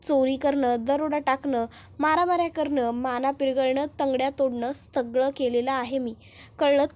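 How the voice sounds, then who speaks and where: A woman's voice: high voice, steady tone, normal speed, a little mellow, close to an everyday voice. A woman voicing a boastful, ruthless older man who talks suspiciously and brags.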